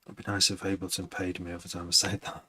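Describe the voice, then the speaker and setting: A man's voice: deep voice, monotone, fast talker, sharp tone, slightly rough, poor audio. A man who produces music, chatting casually on a live stream, rambling and hesitant with many restarts.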